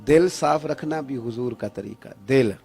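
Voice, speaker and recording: A man with a Pakistani Urdu accent preaching a sermon, swinging from quiet asides to raised, ringing exhortation and acting out small dialogues. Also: medium pitch, a little slow, faint music behind. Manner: quotes verse and plays out little dialogues.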